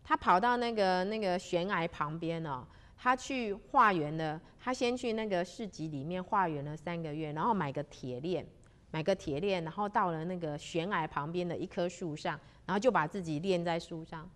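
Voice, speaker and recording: A woman telling a religious legend in a chatty way, drawing out her sentence-end particles. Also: lowish voice. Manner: chatty, with many drawn-out particles. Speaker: storyteller. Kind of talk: spoken storytelling of a religious legend.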